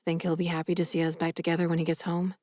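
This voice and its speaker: An affectionate, gently teasing boyfriend, read by a woman narrator. He talks warmly and pokes fun at himself in a storybook romance. The voice is low-set and dry. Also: level tone, very fast, dry recording, natural voice.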